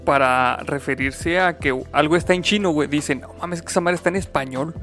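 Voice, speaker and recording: Mexican man, a bit high-pitched, crude joker, faint music behind. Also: a little fast, fairly bright tone. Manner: joking, profane, laughs often. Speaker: podcast co-host. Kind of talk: casual podcast chat.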